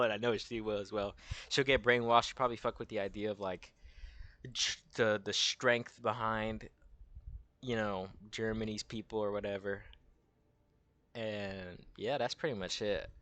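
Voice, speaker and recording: A young man giving casual gaming commentary that rambles along in crude slang. His fairly low voice has a bright, forceful edge. The recording is dry and close. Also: fairly even intonation, moderate pace, no echo. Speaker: gaming video host. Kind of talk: casual tier-list commentary.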